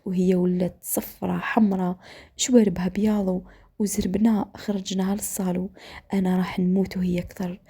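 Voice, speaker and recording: A woman with an Algerian accent tells a dramatic story as she cooks. Her gravelly, medium-pitched voice often drops to a hushed whisper.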